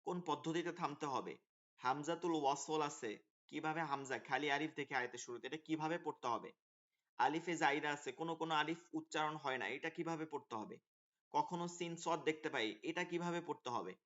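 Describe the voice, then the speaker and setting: A male teacher with a fairly high voice explains course details to students over an online video call. He talks in an unpolished, hesitant way, often pausing on fillers. The audio is dull and lo-fi. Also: a bit bright. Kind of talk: online class orientation talk.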